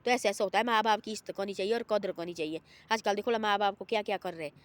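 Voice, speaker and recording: A woman's voice: mid-range voice, fairly even intonation, racing. Woman, informal storyteller; loose, repetitive delivery that slips into the voices of her characters.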